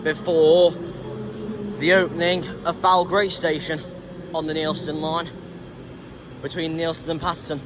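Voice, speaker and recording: A man with a slightly high voice gives casual vlog commentary over clear station noise. He talks hesitantly, correcting himself as he goes. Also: flat delivery, a little slow, long pauses. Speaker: trainspotting vlogger. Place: large railway station.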